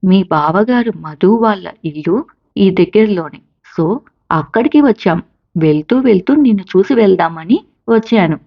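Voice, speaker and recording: A woman's voice: mid-range voice, lively intonation, normal speed, no room sound, muffled recording. A woman voicing a caring mother who patiently encourages her college-age son. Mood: chatty. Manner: patient, coaxing, reassuring.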